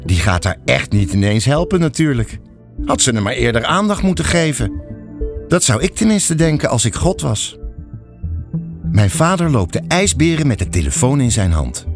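A man narrating a children's audiobook fairy tale in an expressive storytelling manner. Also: medium pitch, moderate pace, over music.

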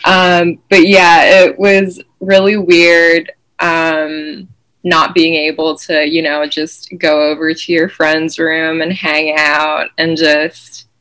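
A young woman from Malaysia speaks as a guest over a video call. Her voice sits lower than most, and she talks hesitantly, pausing on "um" and "you know". The delivery stays casual. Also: little pitch movement, fairly bright tone, poor audio. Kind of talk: casual chat.

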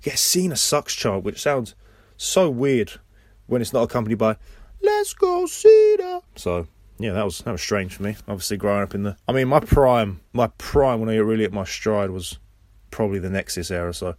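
A man's voice: fairly low pitch, a little fast, no echo, studio quality. A man hosting a podcast, casually recapping a wrestling episode play by play with rambling personal asides. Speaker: podcast host.

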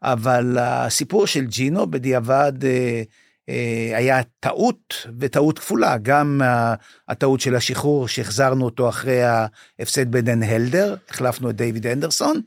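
An older man who once managed a basketball club tells stories in a podcast interview, animatedly acting out quoted dialogue and saying he is moved as emotion builds. His voice is mid-range and creaky, recorded with clean studio sound and no room ambience.

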